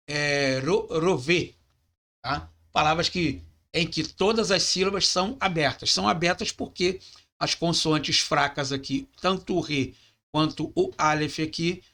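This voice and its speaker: A man's voice: fairly high pitch, bright, forceful tone. A man teaching a lesson, explaining step by step and often checking in with the class. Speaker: Hebrew teacher. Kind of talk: classroom lecture.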